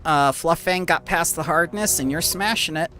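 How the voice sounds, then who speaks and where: A man's voice: fairly high pitch, normal speed, sharp tone. A man running a tabletop game as game master, narrating casually and calling out results.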